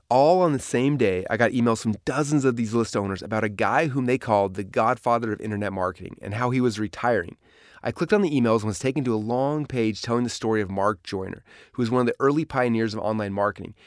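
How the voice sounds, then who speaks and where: A man's voice: medium pitch, fast talker, no room sound, studio quality. A man reading his own memoir aloud in a storytelling manner. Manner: storytelling, dramatic in places. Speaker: narrator. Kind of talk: memoir audiobook narration.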